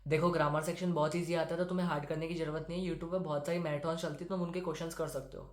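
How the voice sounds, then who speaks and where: Teen boy from India, quick and direct study-tips talker, echoey room. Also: on the high side, flat delivery. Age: teens. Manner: brisk, direct, instructive. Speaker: student giving exam tips. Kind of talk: study-tips talk to camera. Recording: roomy echo.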